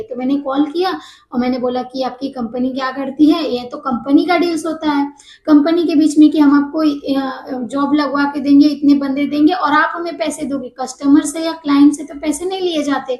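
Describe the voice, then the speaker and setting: A woman casually telling a personal story to camera, animated and mixing English words into her speech. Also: high voice, reverberant, low-quality recording.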